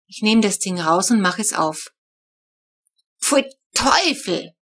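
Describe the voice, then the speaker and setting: A woman reading a children's storybook aloud, telling the story in a lively first-person voice. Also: on the low side, normal speed. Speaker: audiobook reader.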